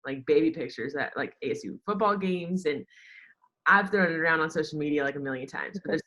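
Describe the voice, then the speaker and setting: Poor audio carries a low, brisk, fairly bright voice from a young woman in the United States. She chats casually as an interview guest, a onetime college golfer now in sports media, peppering her anecdotes with "like" and acting out what people said.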